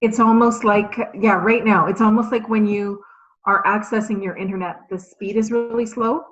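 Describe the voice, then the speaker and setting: A woman's voice: mid-range voice, fairly even intonation, moderate pace, highs cut off. A woman on a video call giving matter-of-fact feedback about a connection problem. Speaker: meeting participant. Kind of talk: casual call chat.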